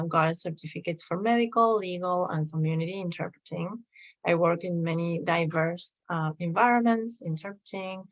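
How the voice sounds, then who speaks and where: A workshop participant from Argentina, a native Spanish speaker with an Argentinian accent, hesitantly answers a practice interview question with many pauses. Her voice is fairly low in pitch.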